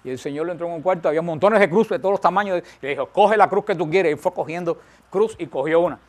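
A man's voice: sits high, fast talker. Man preaching an emphatic sermon. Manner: emphatic, rising and falling, repeats phrases for stress.

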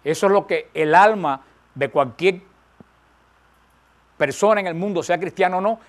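A man's voice: high-pitched, moderate pace. A man preaching a sermon, emphatic, rising and falling, repeating phrases for stress.

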